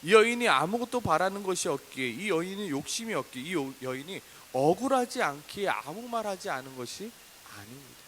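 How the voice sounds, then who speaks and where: A man in his thirties preaching a sermon, animated and acting out complaining prayers in a raised voice. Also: sits high, fairly quick, low-quality recording. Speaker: pastor. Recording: faint hiss.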